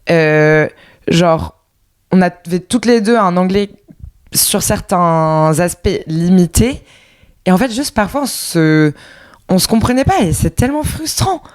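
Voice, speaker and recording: A young woman in her twenties co-hosting a podcast in casual chat, chatty with many fillers and English words slipped in. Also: fairly low pitch. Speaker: podcast co-host.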